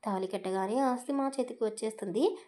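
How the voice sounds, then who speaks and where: A woman's voice: a little high, fairly quick, warm tone, close to an everyday voice. Woman doing a trembling, pleading old father. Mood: fearful pleading. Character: frightened indebted older father of the bride.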